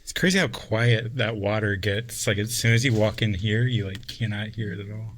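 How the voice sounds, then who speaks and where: A man's voice: fairly low pitch, normal speed, a bit bright. A man chatting casually as a visitor while walking through a cave. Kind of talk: casual chat. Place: inside a cave. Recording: noisy on-location recording inside a cave.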